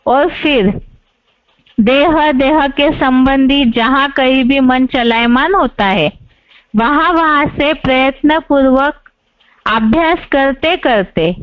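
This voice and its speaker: A woman giving a slow, measured religious lesson, explaining a verse with patient, repetitive phrasing. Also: high-pitched, no room sound. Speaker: scripture class teacher. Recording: dull lo-fi dry recording.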